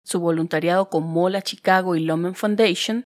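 A woman's voice: fairly low pitch, fairly even intonation, moderate pace, darkish tone. Woman podcast host, friendly and chatty, joking a bit with her guest. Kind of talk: conversational interview.

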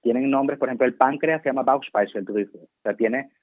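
A Venezuelan man with a mid-range voice and a Venezuelan Spanish accent talks at a normal pace as a guest doctor working abroad. He chats casually in an interview, wandering off topic and poking fun at himself. The sound is dry and tinny, like a phone line.

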